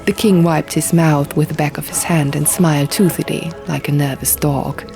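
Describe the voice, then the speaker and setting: A low-pitched female voice with vocal fry reads a fantasy novel aloud at a normal pace, her intonation fairly even. It's scripted, dramatic audiobook narration by an audiobook reader, with music and sound effects playing behind the reading.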